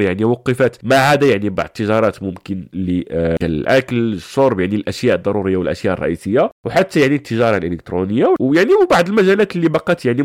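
A man's voice: medium pitch, no room sound, studio quality. A man hosting a personal finance show, talking straight to the listener in an earnest, motivational way with frequent filler words.

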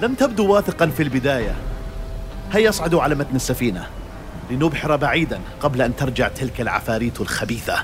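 A man's voice: mid-range voice, lively intonation, quick pace, music in the background, natural voice. A man playing a cunning, spirited sailor hero in a children's audio story, with a theatrical, declamatory delivery. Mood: resolute.

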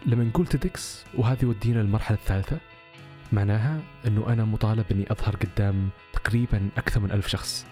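A man's voice: fairly low pitch, racing, mellow, soft background music. A man telling a personal story casually on a podcast, with many rhetorical questions.

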